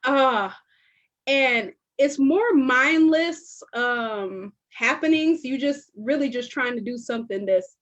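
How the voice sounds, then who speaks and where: A woman's voice: high-pitched, takes it slowly, fairly bright tone. Woman host chatting, lo-fi sound. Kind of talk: casual chat.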